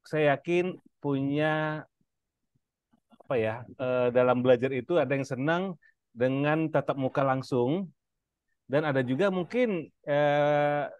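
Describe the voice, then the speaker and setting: A man's voice: a little high, slow, long pauses, clean tone, no room sound, highs cut off. Indonesian man giving a casual promo talk. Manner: addresses listeners directly, many fillers and "nah". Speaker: presenter promoting inheritance-law training.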